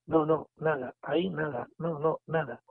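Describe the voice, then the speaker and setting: A man, telling a story in a casual, animated way and acting out the dialogue. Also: on the high side, moderate pace, creaky, slightly rough, dry recording. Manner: animated retelling with quoted dialogue and restarts. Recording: phone line audio.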